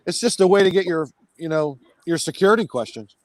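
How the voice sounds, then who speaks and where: A man's voice: a little high, lively intonation, fairly quick, dry recording. A man in casual, swearing chat on a call, his voice cutting in and out and dropping words. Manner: ranting, swearing, many fillers. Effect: voice cutting in and out on a call line. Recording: dropouts on an online call.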